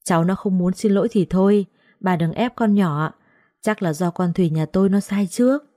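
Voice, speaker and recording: A woman voicing a gentle, soft-spoken older mother who calms a quarrel. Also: medium pitch, moderate pace, no room sound, clean studio sound, close to an everyday voice.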